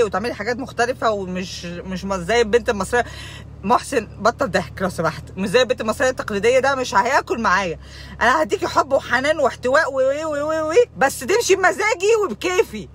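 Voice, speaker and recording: She's a young Egyptian woman hosting a video, her Egyptian Arabic-accented voice on the high side and a bit bright. The comedic, emotional rant drifts into pretend sobbing at times and borrows English words, over a faint hiss or hum.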